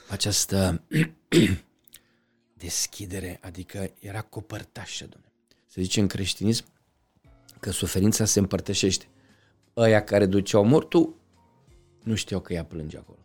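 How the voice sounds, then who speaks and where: A middle-aged man talking as an interview guest, passionate, swinging from loud outbursts to quiet reflection. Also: low voice, long pauses, breathy edge, faint music behind. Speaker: podcast guest. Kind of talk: conversational interview.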